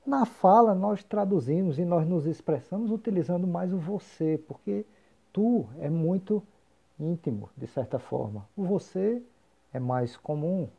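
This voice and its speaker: Man, English teacher, slow patient lesson, raspy gravelly voice, dull lo-fi sound. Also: sits high, lively intonation, dark tone. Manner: slow, patient explaining with repeated example phrases. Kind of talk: recorded grammar lesson. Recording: dull lo-fi recording.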